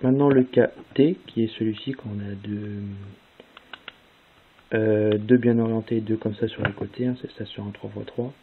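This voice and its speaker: Young male tutorial host, relaxed and chatty, reads out move sequences; lo-fi audio with faint hiss. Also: fairly low pitch, normal speed. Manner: casual, spells out move sequences step by step with fillers. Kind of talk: casual tutorial explanation.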